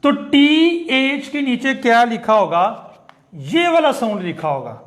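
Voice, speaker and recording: A man with a Pakistani Urdu accent teaching English pronunciation in a classroom lecture, explaining slowly and repeating example words. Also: very high-pitched, very animated.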